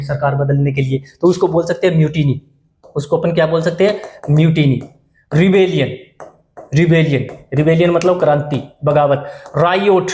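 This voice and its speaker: A man's voice: sits high, a little mellow, roomy sound. A male English teacher giving an exam-prep vocabulary lesson, explaining in Hindi with English terms and often repeating words and checking "okay?" with students.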